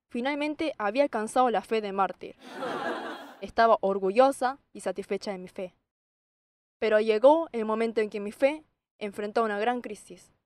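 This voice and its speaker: Expressive young woman sharing a testimony. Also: a little high, dry recording. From South Korea. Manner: expressive, acts out her own past shouts and quoted lines. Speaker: speaker giving a testimony. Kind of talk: personal faith testimony.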